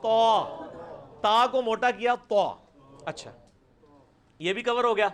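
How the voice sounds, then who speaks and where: High-voiced Punjabi-accented Urdu teacher. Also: male voice. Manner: demonstrates sounds by repeating them loudly and slowly, then calls on students by name. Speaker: Quran recitation teacher. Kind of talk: live class teaching Arabic pronunciation.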